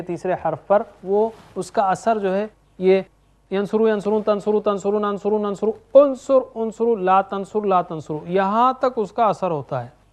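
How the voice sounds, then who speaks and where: A man teaching Quranic Arabic in an animated classroom lesson, chanting verb conjugations in a steady rhythm and urging his students along. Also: high voice.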